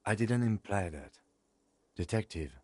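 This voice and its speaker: A man voicing a calm, precise middle-aged police lieutenant asking measured, methodical questions. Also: fairly low pitch, breathy edge, no room sound. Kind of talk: fan voice acting of a game.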